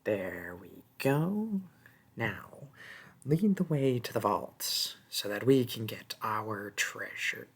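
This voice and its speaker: A performer brings an exasperated, grumbling goblin thief to life in a fantasy audio roleplay, a small, sneaky, mocking figure who taunts and haggles with drawn-out wheedling. The exaggerated voice is medium-pitched with lively intonation, husky and breathy, often dropping to a whisper.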